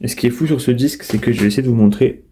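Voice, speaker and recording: A man's voice: medium pitch, racing, dark tone, a little hiss or hum. A man casually showing his disc collection in an unboxing video, talking in a chatty, hesitant way with many fillers and restarts.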